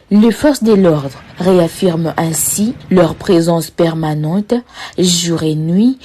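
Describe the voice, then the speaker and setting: A woman reading a scripted news report in a formal, measured way. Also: fairly low pitch, mellow.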